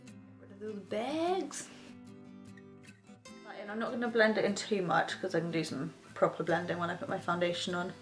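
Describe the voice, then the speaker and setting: Sitting on her bed with faint music behind her, a young beauty vlogger talks fast, in a lowish, steady voice with hardly any pauses. She rambles casually while doing her makeup in a chatty get-ready-with-me tutorial filmed in her bedroom.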